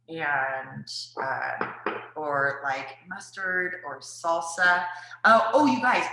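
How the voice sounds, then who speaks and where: A woman's voice: lowish voice, sharp tone. A woman giving casual cooking tips to viewers, chatty and rambling with lots of fillers. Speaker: wellness presenter. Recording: very echoey room.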